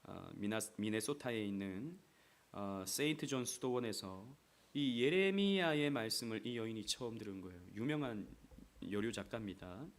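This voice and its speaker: A man's voice: on the low side, lively intonation, normal speed. A man pastor delivering a Wednesday sermon, reading scripture aloud and acting out quoted voices dramatically. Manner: dramatic, acts out scripture quotes and mocking crowds loudly. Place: church sanctuary.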